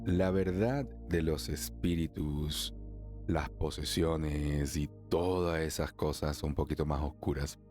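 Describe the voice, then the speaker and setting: A man from Venezuela hosting a solo spiritual podcast, chatty, laughing often, slowing down for emphasis and then speeding up. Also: extremely low pitch, fairly even intonation, darkish tone, soft background music. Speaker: podcast host, emotional wellness therapist.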